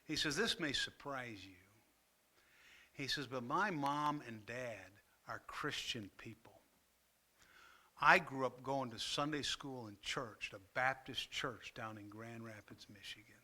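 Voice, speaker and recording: Older man, pastor, earnest storytelling, very bright tense voice, many pauses. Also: mid-range voice, breathy edge. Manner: earnest storyteller, pausing often, emotional at times. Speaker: pastor and former fire chaplain. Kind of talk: storytelling workshop talk. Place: church meeting room.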